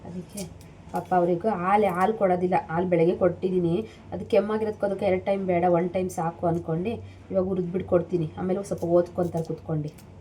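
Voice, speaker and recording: A woman's voice: lowish voice, little pitch movement, quick pace, mellow, slight background noise. A woman in her thirties from Karnataka, chatting casually to viewers about homely cooking steps in her kitchen. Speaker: vlogger, mother. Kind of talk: casual cooking vlog chat. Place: home kitchen.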